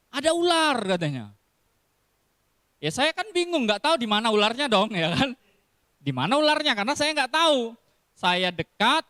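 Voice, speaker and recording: Lively, animated male preacher. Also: high voice, clean tone, dry recording, clean studio sound. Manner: animated storytelling with laughs and acted quotes. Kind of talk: casual sermon with stories.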